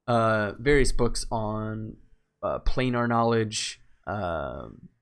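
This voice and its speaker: A man narrating as game master of a tabletop game, relaxed and full of fillers. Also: lowish voice, drawn-out words, vocal fry, clear, resonant tone. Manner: relaxed, hesitant with many fillers.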